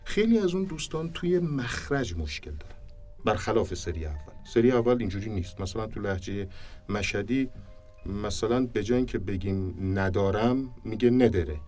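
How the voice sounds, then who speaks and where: A man's voice: lowish voice, lively intonation, a little mellow. A man, a speech and diction teacher, explaining things in an interview in an emphatic way and repeating his points for stress. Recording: distant mic with faint music behind.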